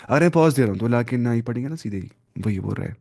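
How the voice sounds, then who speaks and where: A man teaches Quran reading in a live online class over a video call, patient and repeating each term several ways. His voice has a gravelly edge and a dark, relaxed tone. The sound is close and dry, with no room around it. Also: mid-range voice, dry recording. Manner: patient, explains by repeating terms. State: sleepy.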